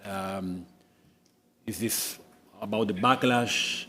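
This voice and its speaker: A man chairing a lecture and opening the floor to audience questions, speaking in a measured, halting way. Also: on the low side, steady tone, sharp tone, slight background noise. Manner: measured, halting with many fillers. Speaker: event chair, moderator. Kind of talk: moderating a Q&A. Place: lecture hall.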